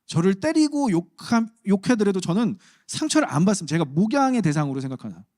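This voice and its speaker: A man's voice: sits high, sing-song, fast talker, a little mellow, dry recording, clean studio sound. A man preaching a sermon as pastor, conversational and humorous with emphatic turns. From Chungcheong region, Korea.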